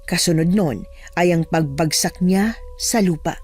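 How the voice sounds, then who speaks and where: A woman's voice: lowish voice, measured pace, a little mellow, slightly rough. A woman narrating a scripted first-person horror story in a dramatic, suspenseful way.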